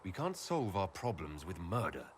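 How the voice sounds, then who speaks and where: An actor playing an earnest, principled male hero leader in a video game, measured and sincere. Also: deep voice, sing-song, a little hiss or hum.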